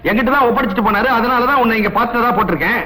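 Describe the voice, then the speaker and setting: An actor playing a genial older uncle and business partner, chatty and humorous, in film dialogue. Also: male voice, extremely high pitch, very fast, pushed and bright, rough recording. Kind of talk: 1980s Tamil film dialogue.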